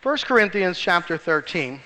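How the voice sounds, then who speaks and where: Bright-voiced pastor preaching in a reverberant hall. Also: male voice, high-pitched, sing-song, normal speed. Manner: storytelling with acted-out voices in jokes; rises sharply for emphasis. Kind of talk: sermon.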